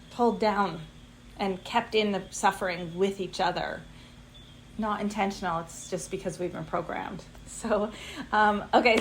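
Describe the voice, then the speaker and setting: A woman's voice: fairly high pitch, slight background noise, rough recording. A woman in her forties, a coach giving a casual masterclass, chatty and full of fillers. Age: 40s.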